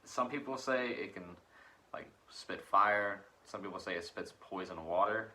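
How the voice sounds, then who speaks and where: Young man, casual co-host, laid-back, low bright voice. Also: measured pace. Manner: laid-back storyteller, laughs often. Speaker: podcast co-host. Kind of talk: casual chat about cryptids. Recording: faulty microphone audio.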